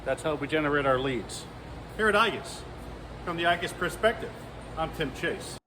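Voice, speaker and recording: A man's voice: fairly high pitch, expressive, normal speed. A man working as a reporter, presenting and interviewing on location. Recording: noisy location sound, vehicle noise.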